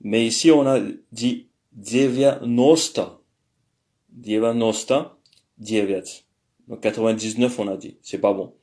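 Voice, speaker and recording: A man's voice: medium pitch, fairly even intonation, slow, darkish tone. A man giving a casual spoken language lesson, hesitant and thinking aloud with many fillers. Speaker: language teacher.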